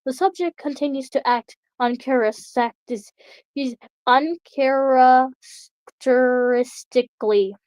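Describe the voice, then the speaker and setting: A woman's voice: on the high side, lively intonation, normal speed, no room sound, natural voice. A woman reading aloud as a female experimenter dictating her research logs in a matter-of-fact way. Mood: clinical. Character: calm clinical female experimenter writing logs.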